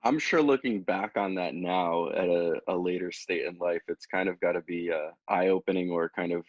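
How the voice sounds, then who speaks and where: Deep-voiced podcast host, dry sound. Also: male voice, dry recording, muffled recording. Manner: eager, friendly, halting questions. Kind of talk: casual interview. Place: parents' house.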